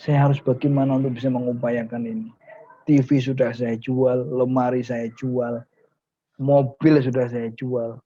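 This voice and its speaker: A man's voice: mid-range voice, expressive, takes it slowly, a little mellow, breathy edge, lo-fi sound, full character voice. A man voicing a poor male preacher who pleads, anxious and distressed, in a sermon story. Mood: pleading.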